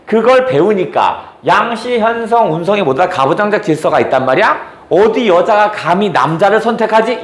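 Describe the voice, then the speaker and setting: A man teaching a lecture on classical prose, telling the story in a lively, blunt, casual way and keeping the class engaged with rhetorical questions. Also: high-pitched, reverberant. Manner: casual, blunt speech with slang.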